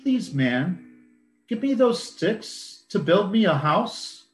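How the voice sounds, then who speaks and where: Man doing a little pig, storybook, high-pitched, stubborn, emphatic, echoey room. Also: big pitch swings, slow, faint music behind, heavily acted. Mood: plucky. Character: small plucky young male pig, stubborn. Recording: roomy echo.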